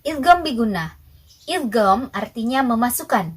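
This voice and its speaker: A woman's voice: a little high, animated, measured pace, slightly rough, poor audio. A young woman, patiently teaching Quran recitation rules step by step and asking her own questions before answering them. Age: young adult. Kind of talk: recorded tajwid lesson.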